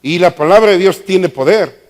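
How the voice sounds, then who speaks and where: A man preaching a sermon, questioning the congregation and stretching out emphatic words. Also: high voice. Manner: call-and-response questioning, drawn-out emphatic words. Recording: long reverb of a church hall.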